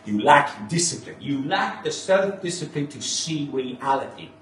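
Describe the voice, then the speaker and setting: A man's voice: on the high side, lively intonation, measured pace, fairly bright tone, a little hiss or hum, voice pushed up. A man playing a menacing, condescending interrogator on stage, scolding and insistent. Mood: menacing, mounting. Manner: scolding, insistent, building in intensity. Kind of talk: one-man theatre performance. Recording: echoey room, far from microphone.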